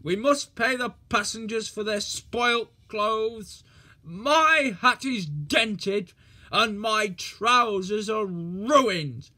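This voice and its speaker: A reader voicing a stern, portly railway boss in a storybook, scolding loudly. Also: medium pitch, very slow, heavily acted. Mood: cross. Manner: loud, cross and scolding. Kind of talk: storybook reading.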